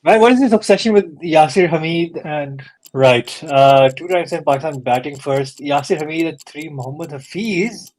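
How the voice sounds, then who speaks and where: A man's voice: on the high side, normal speed, hardly any pauses, darkish tone. Man thinking aloud in casual chat. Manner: thinks aloud, hesitant restarts, frequent laughs. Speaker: quiz contestant and co-host.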